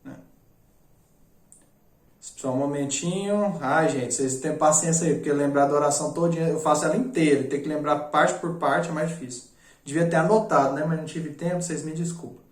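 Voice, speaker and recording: A man's voice: fairly high pitch, steady tone, roomy sound. A man giving an informal spiritual class, chatty and stumbling over his words. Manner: chatty, stumbling, reciting prayers slowly. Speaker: spiritual teacher.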